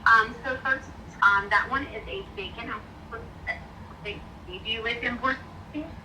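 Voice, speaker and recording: A woman's voice: a little high, moderate pace. A woman on a phone call, a real estate agent chatting and explaining at length. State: bad cell service. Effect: heard over a phone call. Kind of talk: casual phone conversation. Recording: distant phone line, faint noise.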